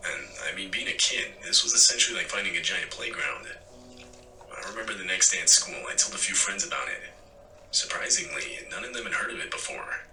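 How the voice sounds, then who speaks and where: A man reading a first-person story aloud in a steady narration, played back from a video. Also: sits low, fairly quick. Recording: echoey, distant, faint hiss.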